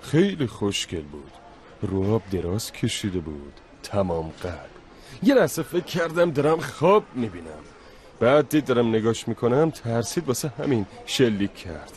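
A man's voice: medium pitch, very animated, a little mellow, lightly acted. An actor playing a young man, a protective son who is emotional and insistent, in a dubbed drama. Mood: dreamy. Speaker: lead character. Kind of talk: dubbed drama series dialogue.

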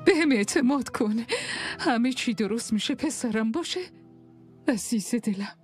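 A woman's voice: fairly high pitch, animated, faint music behind, close to an everyday voice. A woman playing a soothing mother. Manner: soft, soothing. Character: gentle comforting mother figure. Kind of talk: dubbed TV drama acting.

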